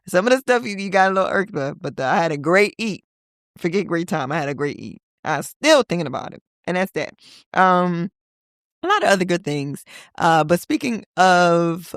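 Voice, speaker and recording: A woman in her thirties hosting a casual solo podcast, talking in a playful, chatty way with teasing asides and sudden high-pitched exclamations. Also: creaky, no room sound, studio quality. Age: 30s. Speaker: podcast host.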